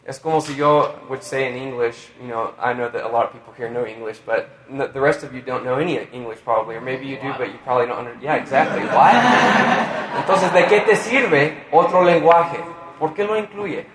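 A man preaches in a lively, chatty way, breaking into asides and fillers as he works through the text. His voice sits at an everyday male pitch. It echoes around a large room. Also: a little fast, hardly any pauses, noisy background. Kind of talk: sermon. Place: church in Mexico.

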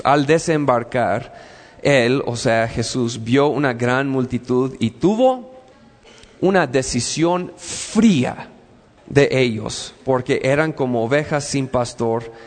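A man's voice: mid-range voice, long reverb tail. A man preaching a sermon in a conversational way, acting out little dialogues with God. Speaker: pastor.

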